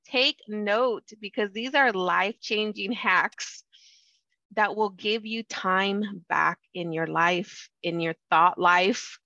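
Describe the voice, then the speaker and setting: A woman's voice: mid-range voice, takes it slowly, bright, forceful tone, no echo. A middle-aged woman hosting a podcast, chatty and encouraging in casual conversation. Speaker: podcast host. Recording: dull, dry lo-fi sound.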